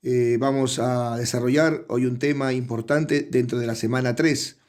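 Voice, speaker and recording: A middle-aged man teaches an online class, explaining things step by step, addressing his students often and leaning on tag questions to check in. He speaks at a normal speed in a medium-pitched, steady, slightly mellow voice.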